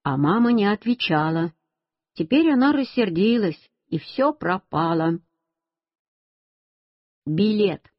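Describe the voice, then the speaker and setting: A woman reads a children's story aloud in the first person, speaking as a little boy. Her voice is husky and breathy. The recording is dry, close and dull, with a lo-fi sound. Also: medium pitch, expressive, takes it slowly, long pauses, dry recording. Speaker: reader.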